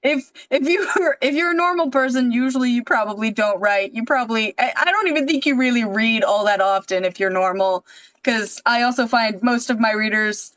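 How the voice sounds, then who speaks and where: Chatty higher-voiced woman host. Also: fairly quick, fairly bright tone, no room sound. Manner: rambling, full of "like" and "uh" fillers. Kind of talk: casual interview chat.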